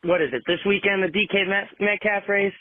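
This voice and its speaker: A man's voice: high voice, steady tone, a little fast, no echo. A man leaving a casual voicemail for the hosts, rambling and hedging before a boastful sign-off. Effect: voicemail played over a phone line. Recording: dry, tinny phone-line voicemail.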